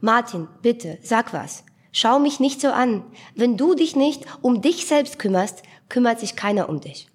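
A gentle, worried man, read by a woman, speaks in a soft, hushed, half-whispered voice. He sounds caring but tired of having to worry. It is a spoken audiobook scene. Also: mid-range voice, expressive, measured pace, slightly rough. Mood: pleading.

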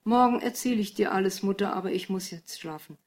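A woman's voice: mid-range voice, fairly quick, darkish tone, natural voice. A woman reading aloud and voicing a tired, guarded young woman. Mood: weary.

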